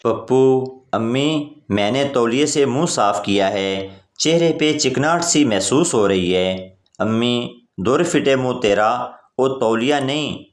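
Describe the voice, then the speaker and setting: A man's voice: mid-range voice, slow, hardly any pauses. A man reading out a string of short jokes in a plain storytelling way, giving every character the same voice. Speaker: joke narrator. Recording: roomy echo.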